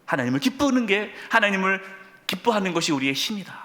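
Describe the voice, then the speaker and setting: A man's voice: high-pitched, quick pace. A middle-aged male pastor preaching a sermon, telling stories and putting questions straight to his congregation. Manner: addresses congregation directly with questions; storytelling, animated emphasis. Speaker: senior pastor. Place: church sanctuary. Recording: long church hall reverb.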